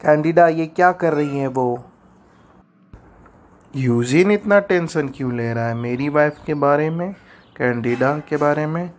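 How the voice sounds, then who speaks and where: A man voicing a jealous, irritable middle-aged husband in an animated story. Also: on the high side, measured pace, slight background noise, lightly acted.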